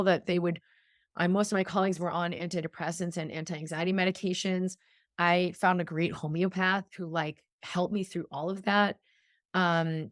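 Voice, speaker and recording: A middle-aged woman with a fairly low voice speaks as an interview guest, telling stories in an earnest, flowing way. The recording is dry and close. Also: no echo. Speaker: guest, physician. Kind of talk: conversational interview.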